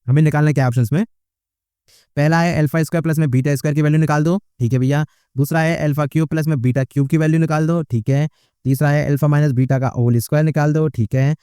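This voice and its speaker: Fast-talking man tutoring maths. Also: on the high side, dark tone, clean tone, no echo, clean studio sound. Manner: chatty, keeps saying "ठीक है" and "भैया". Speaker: math tutor. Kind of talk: maths lesson walkthrough.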